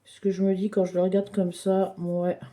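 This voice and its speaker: A woman giving a gentle, chatty drawing lesson for children, thinking aloud as she tells a story. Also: lowish voice, flat delivery, a little fast.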